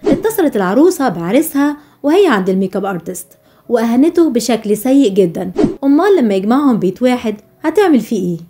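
Egyptian lady narrating viral news, quick and high, kinda dark tone. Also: very animated. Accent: Egyptian Arabic. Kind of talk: scripted news voice-over.

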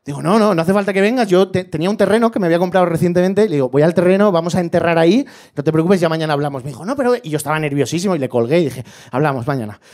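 A man doing a stand-up comedy set on a club stage, telling stories in an animated way and breaking into loud impressions of his family. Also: fairly high pitch, very fast, few pauses. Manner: animated storytelling, shifting into shouted impressions of family.

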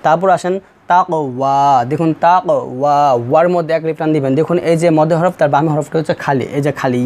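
A man with a Bangladeshi Bengali accent teaching the rules of pausing in Quran recitation, repeating each point slowly and drawing out the recited syllables. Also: a little high, darkish tone. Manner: slow, repetitive explanation, drawing out recited syllables.

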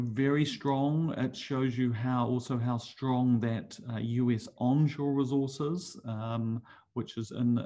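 A middle-aged New Zealand man gives a webinar presentation over slides, his mid-range voice mellow. He's a hesitant conference speaker, full of fillers and restarts.

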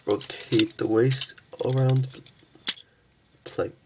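Groggy from having just woken up, a young man with a mid-range voice casually reviews a toy figure and transforms it, speaking haltingly and often stumbling and restarting. There is noise in the background.

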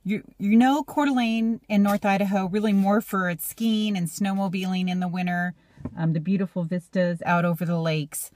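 A middle-aged American woman presents to camera in a promotional vlog style. Her pitch is average for a woman, and the sound is dry, as recorded on a phone inside a car. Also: steady tone, moderate pace, a little mellow, dry recording. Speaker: real estate agent presenting. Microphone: phone at arm's length.

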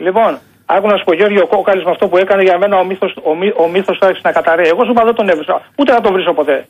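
Greek guy calling the radio on the phone, high voice, keeps repeating himself. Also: husky. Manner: insistent, repetitive, excitable. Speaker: caller. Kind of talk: call-in radio debate. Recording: phone line.

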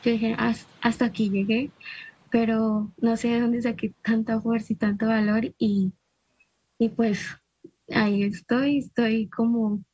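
A woman giving a personal testimony in halting, repeated phrases. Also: a little high, mellow, husky, no echo, lo-fi sound. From Colombia. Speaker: interviewee.

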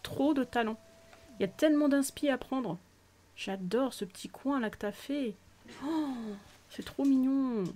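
A woman's voice: high voice, measured pace, warm tone. A woman giving casual, gushing commentary on a game tour, exclaiming often and sometimes dropping almost to a whisper. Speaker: gaming video host touring viewers' islands. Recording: faint music behind.

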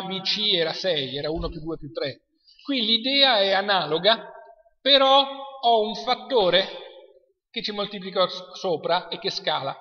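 A man's voice: high-pitched, bright, forceful tone. A man with an Italian accent giving a university lecture, chatty and quizzing the class. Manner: chatty, asks the class questions. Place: lecture hall. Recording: dull lo-fi sound in a reverberant hall.

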